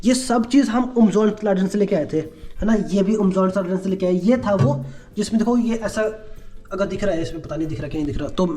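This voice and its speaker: A man's voice: high-pitched, fairly quick, warm tone. A man from India chatting casually in a home vlog, rambling and leaning on a habitual filler phrase. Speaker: vlogger.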